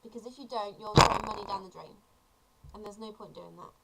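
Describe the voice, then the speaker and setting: A woman's voice: medium pitch, a little fast, vocal fry, background noise. A seventeen-year-old woman, chatty and earnest, explaining a topic in a casual tutorial vlog. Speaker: vlogger.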